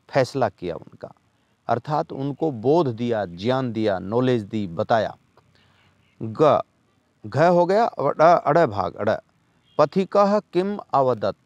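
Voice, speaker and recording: Male teacher, patient, line-by-line lesson, very slow, dry close sound. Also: medium pitch, gravelly, no room sound. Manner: reads a line, then translates it slowly and patiently. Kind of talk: classroom lesson explaining a textbook chapter.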